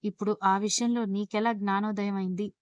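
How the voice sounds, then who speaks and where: A doting young husband from a read-aloud love story, gently amused and tender, voiced by a woman narrator. His lines come at an ordinary middle pitch. The sound is dry and close. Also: flat delivery, fairly quick, clear, resonant tone, no room sound, muffled recording, lightly acted. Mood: fond teasing.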